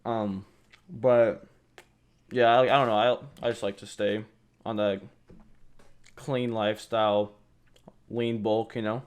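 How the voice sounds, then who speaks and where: A young man co-hosting a casual podcast, chatting in relaxed, rambling bursts and teasing his friend. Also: on the low side, slow pace, long pauses, smooth. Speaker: podcast co-host. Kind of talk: casual chat.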